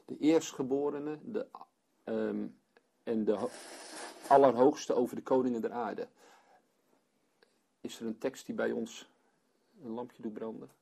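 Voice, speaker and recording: A man's voice: medium pitch, steady tone, measured pace, creaky, long pauses, mellow. A man leading a Bible study for a small group, reading scripture aloud and then explaining it as he thinks aloud.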